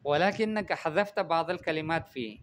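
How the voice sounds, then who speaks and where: A man's voice: on the high side, fairly quick, slight background noise. A man teaching Arabic writing in a classroom lesson, explaining patiently, repeating phrases and often checking with "good" and "understood?".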